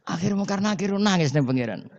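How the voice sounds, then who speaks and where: A man's voice: sits high, brisk, gravelly, no echo. A man with a Javanese accent giving a sermon, telling stories and putting questions to the audience. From Indonesia. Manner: lively storyteller, mixing Javanese and Indonesian, asking the audience questions. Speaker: Islamic preacher. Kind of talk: sermon storytelling. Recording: dull, muffled dry recording.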